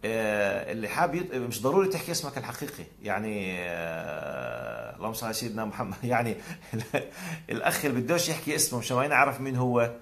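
Greeting each caller in turn with warm religious blessings, this host of a live call-in show talks conversationally in a Jordanian Arabic accent. He sounds animated and quick, his lowish voice carrying vocal fry.

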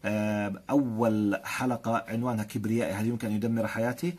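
Jordanian guy on a live stream, quick talker, kinda husky, keeps greeting people and blessing them. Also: lowish voice, flat delivery, darkish tone. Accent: Jordanian Arabic. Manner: friendly greeter, frequent blessings and chuckles. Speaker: host. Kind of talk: live stream reading viewer comments.

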